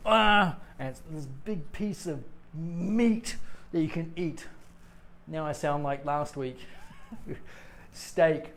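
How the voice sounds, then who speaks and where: A middle-aged man teaches English on a live stream in a loose, joking manner. His voice sits slightly higher than most men's. He chats with viewers as he explains. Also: fairly bright tone. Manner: chatty and playful, jokes with viewers.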